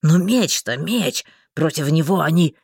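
A woman's voice: deep voice, animated, creaky, darkish tone, slightly rough, no room sound, clean studio sound, pitched below the performer's own voice, full character voice. A woman doing a hot-headed male fire mage. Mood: eager. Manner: eager, pleading, quick to flare up.

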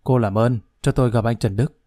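A man's voice: medium pitch, steady tone, fairly quick, dark tone, dry recording, studio quality, close to an everyday voice. A man voicing a sly, domineering woman near fifty who talks in a cool, mocking, condescending way.

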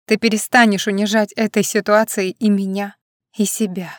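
A woman's voice: medium pitch, little pitch movement, moderate pace, no echo, studio quality, close to an everyday voice. A woman reading the lines of a drunk, heartbroken young woman in an audiobook, bitter and accusing, some of them hissed in a whisper. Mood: weary.

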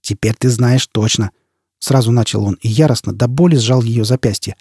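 A man's voice: mid-range voice, moderate pace, mellow, breathy edge, dry recording, clean studio sound. Man as a growling, vengeful scarred brute. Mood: obsessed, fierce. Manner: growling, curt, threatening.

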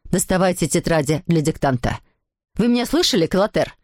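A woman's voice: lowish voice, lively intonation, brisk, darkish tone, dry recording, clean studio sound, pitched below the performer's own voice. A woman reading aloud voices a strict schoolteacher who gives formal orders. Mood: stern. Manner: scolding, formal. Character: strict female schoolteacher, stern and commanding.

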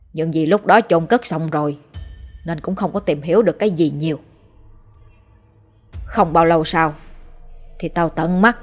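Older male sorcerer, as a woman narrator puts him on, stern, gruff, lecturing, lowish voice, spoken horror story. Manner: gruff, lecturing, uses rough familiar address.

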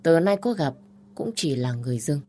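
A woman narrating an audiobook in a calm, measured, polite way. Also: low-pitched. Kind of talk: scripted story narration.

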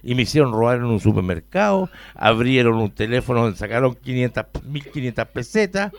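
A man with a Chilean accent telling a rambling personal travel story on a radio show, animated, jumping between loud outbursts and mumbled asides. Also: medium pitch, fairly quick, vocal fry.

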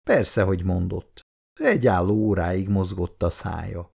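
A man's voice: low-pitched, creaky, darkish tone, husky, full character voice. Man doing a jovial, teasing old father. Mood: wry. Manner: good-humoured, teasing. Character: jovial older husband and father.

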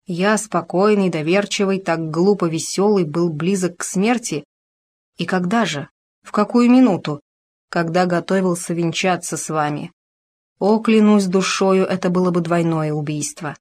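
An earnest young officer in a storybook, declaiming his dismay, as a woman reads him aloud. The voice stays low and steady, with no heavy disguise. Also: normal speed, natural voice. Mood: anguished. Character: young male officer, brave then shaken. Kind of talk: audiobook character reading.

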